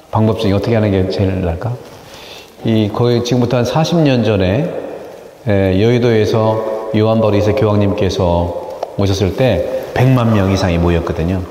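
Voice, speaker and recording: Priest with a mellow voice in an echoey hall. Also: male voice, lowish voice. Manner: lively, questions the audience, acts out noisy crowds. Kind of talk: sermon and teaching talk to parishioners. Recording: echoey hall with long reverb.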